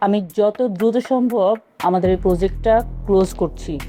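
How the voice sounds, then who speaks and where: A woman's voice: medium pitch, fairly quick, dark tone, faint music behind, close to an everyday voice. An actress playing a young woman secretly running a scheme, answering her boss defensively. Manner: defensive, earnest. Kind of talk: TV drama acting.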